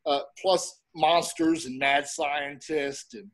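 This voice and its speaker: A middle-aged man chatting casually as an interview guest, rambling a little and pausing as he goes. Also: fairly high pitch, steady tone. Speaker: interview guest, horror host and film reviewer.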